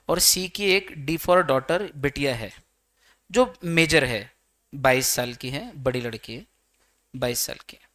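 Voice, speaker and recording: A man's voice: a little high, pushed and bright, dry recording, clean studio sound. A man teaching law in an exam-prep lecture, chatty and teasing, slipping English terms into his explanations.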